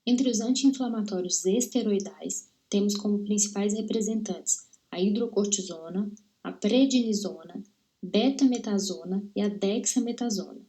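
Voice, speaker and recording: Young Brazilian woman, student presenter, measured read-aloud delivery, warm mellow tone. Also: medium pitch. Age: young adult. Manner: steady, careful reading of technical terms.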